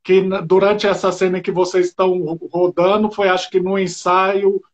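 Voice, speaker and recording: A man's voice: sits high, level tone, moderate pace, highs cut off. A male host of a live video-call interview, affirming the guest and asking others to confirm details.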